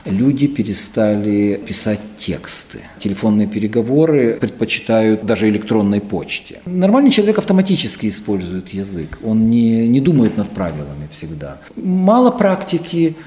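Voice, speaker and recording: A middle-aged man who heads a university language department answers interview questions in a measured, lecturing manner, with some hesitation fillers. His voice is fairly low and mellow, with big pitch swings.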